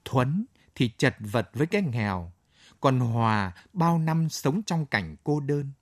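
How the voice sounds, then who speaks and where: A man presenting scripted literary commentary on the radio in a measured, formal manner. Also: medium pitch, big pitch swings, dry recording, studio quality. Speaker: radio literary show host.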